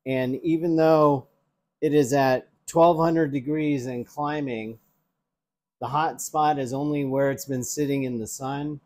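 In a mid-range, slightly mellow voice, a man in his forties who reviews tech gives a casual product demo from his home kitchen by an open window. Recorded on a lapel mic, he explains while handling the device, with plenty of ums and restarts.

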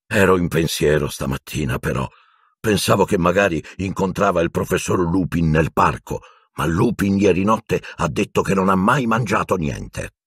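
A man voicing a huge, warm-hearted gamekeeper with homely, plain speech. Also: sits low, moderate pace, breathy edge, no echo, clean studio sound. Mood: cheerful, confiding.

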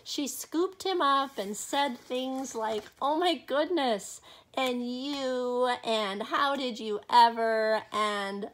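The audio is poor as a middle-aged woman with a high-pitched voice reads a children's picture book expressively. She adds dramatic pauses and chats casually with her young audience.

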